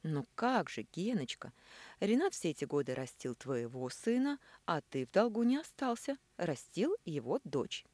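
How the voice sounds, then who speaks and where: A woman's voice: lowish voice, big pitch swings, moderate pace, darkish tone, dry recording. A woman voicing a vengeful, scheming woman who taunts in a sugary, cold tone, reading an audiobook. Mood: taunting.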